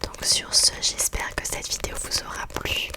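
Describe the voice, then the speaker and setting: Woman whispering softly, ASMR book chat. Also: normal speed. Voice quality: soft unvoiced library-like whisper. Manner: hesitant, informal, searching for words. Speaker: book review host.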